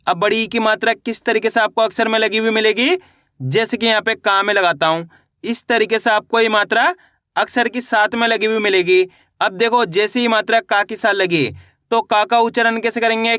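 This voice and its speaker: A male teacher giving a reading lesson, drawing out syllables slowly and answering his own questions. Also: high voice, bright, forceful tone, no room sound, studio quality.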